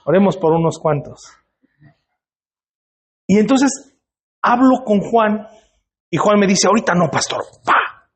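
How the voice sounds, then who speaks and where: A man's voice: sits high, animated, takes it slowly, long pauses. A male pastor, preaching in a church and putting questions to the congregation in a conversational way. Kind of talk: sermon. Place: church hall.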